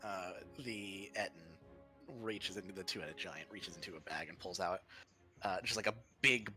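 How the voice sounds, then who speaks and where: A man narrating a tabletop game as game master, improvising haltingly as he describes scenes. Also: low-pitched, bright, forceful tone, faint music behind.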